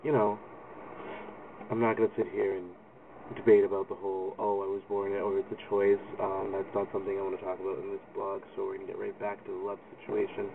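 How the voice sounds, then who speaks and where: A young video blogger rambles candidly through a personal vlog monologue, filling it with lots of ums. His low voice is creaky and monotone at a quick pace, and the audio is distant and lo-fi, phone-like, with loud background noise.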